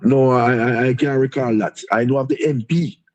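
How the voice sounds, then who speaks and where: A man's voice: medium pitch, steady tone, moderate pace, a little mellow. A man with a Jamaican accent, a deputy mayor being interviewed, talking in a repetitive, rambling way and chuckling. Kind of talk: interviewed on a live stream.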